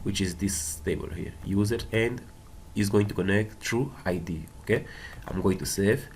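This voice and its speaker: Keyboard clicks and typing come through clearly as a man, a native Portuguese speaker with a Portuguese accent, gives an informal step-by-step programming tutorial. He repeats words often and checks in with short tags, speaking at a normal speed in a lowish, slightly mellow voice.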